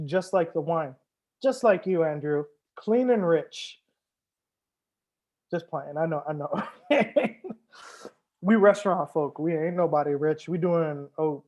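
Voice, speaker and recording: A man hosts a live wine tasting as a sommelier, chatting casually with viewers, answering their comments, joking and now and then swearing. His voice is a little high with a darkish tone, and the audio sounds dull.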